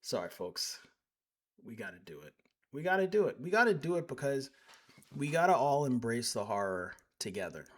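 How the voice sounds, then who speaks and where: A man's voice: medium pitch, sing-song, normal speed. A man giving live stream commentary as he reacts to clips, indignant and sarcastic, rambling with frequent restarts.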